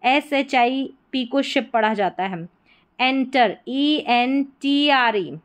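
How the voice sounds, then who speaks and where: A woman teaching English reading, slowly spelling each word out letter by letter and repeating it. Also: high-pitched, expressive, smooth. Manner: slow, patient, spells words letter by letter and repeats them. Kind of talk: spelling and pronunciation lesson.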